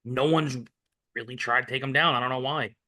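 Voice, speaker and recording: A man's voice: medium pitch, fairly even intonation, fairly quick, pushed and bright. A man co-hosting a sports betting podcast, talking in a rambling, opinionated casual way. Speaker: podcast co-host.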